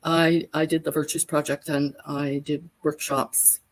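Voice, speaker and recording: A woman's voice: low-pitched, level tone, unhurried, rough recording. An older woman from Alberta, telling her story at length as a guest on a live video chat. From Alberta, Canada. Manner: chatty storyteller, long detailed answers. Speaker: guest, workshop facilitator. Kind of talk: casual conversation on a live stream.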